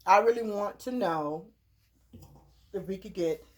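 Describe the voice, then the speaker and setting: A woman's voice: mid-range voice, a little slow. A woman in her thirties talking casually and earnestly, giving advice in a preachy way and often repeating her words. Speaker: host.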